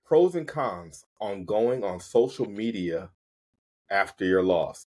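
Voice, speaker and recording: A man co-hosts a podcast in a very deep, husky voice. He is easygoing and asks his questions with plenty of fillers. The delivery is relaxed, casual chat. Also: slow pace. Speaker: podcast co-host.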